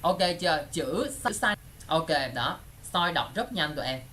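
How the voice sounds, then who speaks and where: Lively male teacher. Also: a little high, slight background noise. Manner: keeps checking students follow with quick questions. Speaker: English exam teacher. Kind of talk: lively online class teaching.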